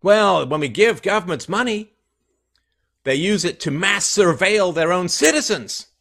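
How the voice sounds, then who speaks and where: A man's voice: animated, measured pace, gravelly. A man in his fifties delivering an angry, sarcastic, profane solo rant on a headset mic in a small room. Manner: angry, sarcastic, profane, swings from low mutters to loud outbursts. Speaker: podcast host. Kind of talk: impassioned solo rant to camera. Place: small indoor room with plain wall.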